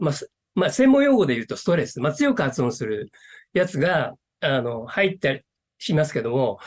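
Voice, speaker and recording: An earnest man speaking as an interview guest. His pitch rises and falls in animated swings, and he uses many fillers as he talks. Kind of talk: interview conversation.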